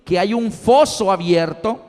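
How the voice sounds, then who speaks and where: A man with a high-pitched voice preaches an animated sermon, telling stories and acting them out as he goes. His voice rings through a large hall with a long echo. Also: unhurried. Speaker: evangelist preacher.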